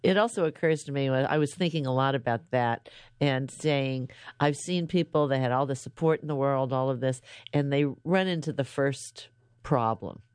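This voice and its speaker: A woman's voice: rumbling low, moderate pace, darkish tone, clean tone, no room sound, clean studio sound. A woman hosting a radio interview, talking in a conversational way and laughing easily. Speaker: radio show host.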